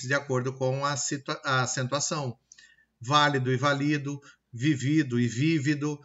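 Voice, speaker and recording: A man with a Brazilian Portuguese accent teaching a recorded grammar lesson, checking in with "tá?" and sounding out example words slowly. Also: on the high side, pushed and bright, muffled recording. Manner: explanatory, pausing with frequent "tá?" and "ok?" checks; slow, deliberate word-by-word example pronunciations.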